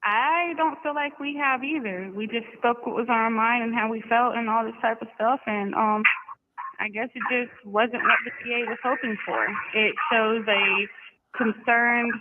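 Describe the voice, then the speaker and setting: Woman inmate on a prison phone, calm and rambling, thin phone-line sound with light hiss. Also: on the high side, normal speed. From Georgia, US. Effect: heard over a prison phone line. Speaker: inmate on trial. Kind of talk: casual phone chat.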